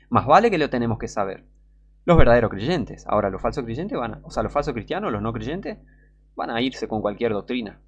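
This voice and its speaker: Rioplatense guy preaching, fired up and scornful, hammering warnings home. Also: mid-range voice. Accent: Rioplatense Spanish. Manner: fiery, scornful, emphatic warnings. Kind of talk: sermon reading and commentary.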